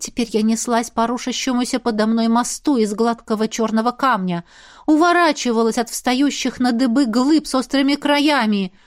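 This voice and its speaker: A woman narrating a first-person fantasy story with dramatic delivery, dropping to a hush and rising to cries. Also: on the high side, normal speed, no room sound, studio quality. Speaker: audiobook narrator.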